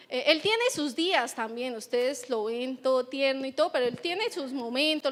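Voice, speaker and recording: A woman's voice: sits high, fairly bright tone. A Colombian woman pastor in her thirties giving a chatty sermon in church, often checking in with the congregation. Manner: chatty, keeps asking the congregation "right?". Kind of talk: conversational sermon.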